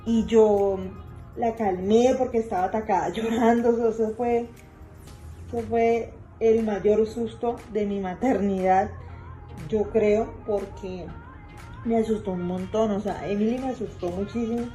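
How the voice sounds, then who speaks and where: A woman's voice: mid-range voice, fairly even intonation, unhurried, warm tone, muffled recording, soft background music. A woman, a mother, telling a family story in a casual, chatty way, repeating herself with lots of fillers. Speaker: mother vlogger.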